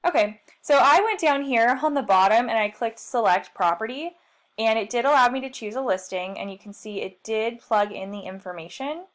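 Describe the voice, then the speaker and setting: Her voice on the high side and her pace moderate, a woman gives a screen-share software tutorial as a marketing trainer. The tone is chatty and self-deprecating, and she muses aloud while clicking around.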